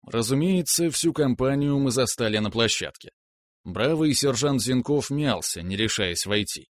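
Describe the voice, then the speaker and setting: Calm male audiobook narrator, dry sound. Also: mid-range voice, normal speed, no room sound. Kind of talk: scripted narration.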